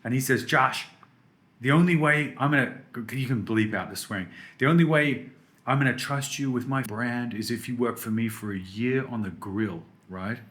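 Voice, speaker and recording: An Australian man in his thirties, with an Australian accent, guests on a podcast and chats casually and enthusiastically, full of restarts and fillers. His voice is medium-pitched, a bit bright, and moves at a normal speed in this relaxed interview talk.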